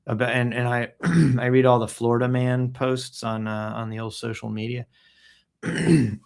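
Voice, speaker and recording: A man hosting a casual news read-through, joking around, clearing his throat often and making sound-effect noises between stories. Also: mid-range voice, fairly bright tone. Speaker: host reading the news.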